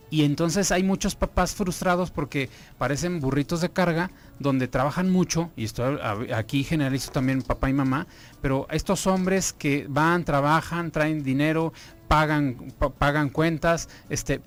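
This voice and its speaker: Earnest man on radio with faint music. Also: fairly high pitch. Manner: earnest, asks many rhetorical questions. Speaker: radio guest speaker. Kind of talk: explaining on a radio talk show. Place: radio studio.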